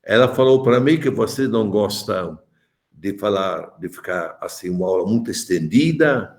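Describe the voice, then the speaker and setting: A man's voice: fairly low pitch, animated, normal speed, creaky. A man in his seventies from Malta, a bishop giving a joking, chatty catechesis talk to adults and calling on them by name. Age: 70s.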